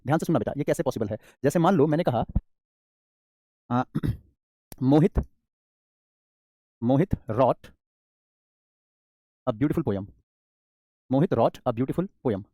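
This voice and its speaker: A man with an Indian accent teaching English grammar in an online class, calling students "beta" and slowly repeating key terms. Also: fairly high pitch, warm tone, no echo, studio quality.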